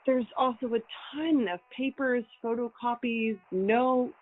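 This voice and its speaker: Actress as clipped, impatient female burglar, high husky voice down a tinny phone line. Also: fairly even intonation, a little slow. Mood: curt, reporting. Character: tense, curt female burglar reporting by phone. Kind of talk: audio drama phone dialogue.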